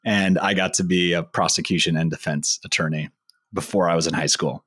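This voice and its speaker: Low-voiced chatty young man. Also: steady tone, fairly quick, a bit bright, slightly rough, no echo, clean studio sound. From Philippines, raised in Oregon. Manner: chatty, rambling with fillers. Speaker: co-host. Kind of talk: casual podcast chat.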